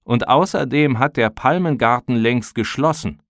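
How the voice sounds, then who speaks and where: A man doing a gruff grumbling policeman. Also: medium pitch, normal speed, a bit bright, no room sound, studio quality, lightly acted. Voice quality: grumbling, blunt. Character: gruff annoyed German policeman.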